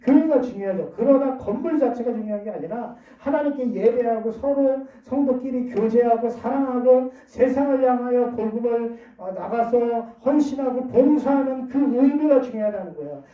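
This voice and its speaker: Lively preacher, echoey and distant. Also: medium pitch, moderate pace, hardly any pauses. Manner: lively, questioning the listeners, dramatic swings in loudness. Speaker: preacher to a children's Sunday school. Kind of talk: children's sermon. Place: church hall. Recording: distant, dull, echoey church recording.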